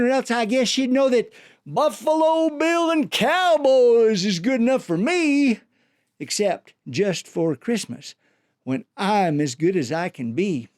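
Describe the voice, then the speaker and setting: A man reciting folksy cowboy poetry in an animated way, with a cowboy drawl and rustic dialect. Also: high voice, dry recording, clean studio sound. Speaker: cowboy poet, storyteller.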